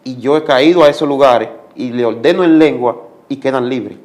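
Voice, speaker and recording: A man's voice: mid-range voice, moderate pace, darkish tone. A man giving a religious testimony as a guest, speaking like a preacher and repeating commands for emphasis.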